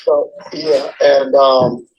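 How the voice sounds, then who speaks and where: A man's voice: medium pitch, little pitch movement, very slow, darkish tone. A man working as a GED instructor, heard over a speakerphone, explaining things with many fillers and restarts. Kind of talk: casual explaining on a phone call. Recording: dull speakerphone line with faint noise.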